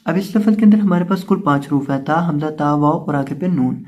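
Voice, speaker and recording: A male teacher with an Urdu accent, his voice sitting a little high for a man. He explains pronunciation rules in a patient, steady way. He repeats each syllable slowly and with more force when he recites it. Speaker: Quran reading teacher. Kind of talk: step-by-step recitation lesson.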